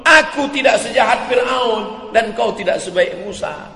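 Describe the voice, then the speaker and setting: A man voicing a proud, calm male caliph who reasons emphatically with a rude subject, in an echoey hall. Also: high voice, brisk. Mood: indignant reasoning. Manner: reasoning, emphatic, rising on repeated clauses. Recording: echoey hall with long reverb.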